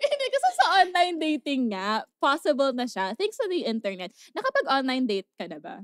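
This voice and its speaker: This is a Filipino woman with a fairly high voice, recorded dry and close. She talks casually in a mix of Tagalog and English, playful and chatty, leaning on key words for emphasis. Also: huge pitch swings, fairly quick, no echo. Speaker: podcast co-host.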